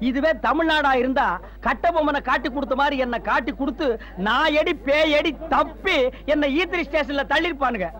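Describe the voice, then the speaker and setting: A man's voice: very high voice, a little fast, fairly bright tone. An actor playing a boastful comic Tamil man who brags about tricking a foreigner. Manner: bragging, chuckling. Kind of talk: film comedy dialogue.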